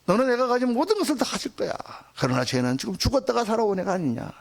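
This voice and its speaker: A man voicing a tender, elderly father who gently pleads with his son during a sermon retelling. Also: high-pitched, very animated, quick pace, vocal fry, exaggerated voice.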